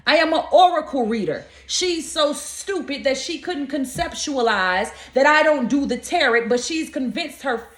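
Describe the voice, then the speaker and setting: A woman's voice: sits high, animated, unhurried, a bit bright. A young woman from Florida, an oracle card reader talking straight to her viewers, indignant and scolding, calling them y'all and honey. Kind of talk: spiritual video monologue. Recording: echoey room.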